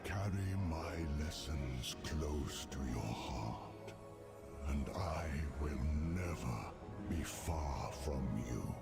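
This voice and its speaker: An actor playing a gentle, wise old dragon grandfather at the end of his life, solemn and gravelly, in a video game. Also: rumbling low, lively intonation, heavily acted. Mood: tender, weary. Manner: slow, solemn, tender delivery. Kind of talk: video game cutscene acting. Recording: loud music behind.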